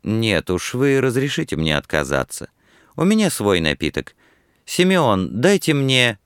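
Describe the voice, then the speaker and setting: A man's voice: mid-range voice, huge pitch swings, unhurried, a bit bright, clean tone, no room sound, studio quality, pitched above the performer's own voice, full character voice. A man doing a drawling, lazy reporter. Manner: drawling, offhand. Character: lazy self-assured male reporter.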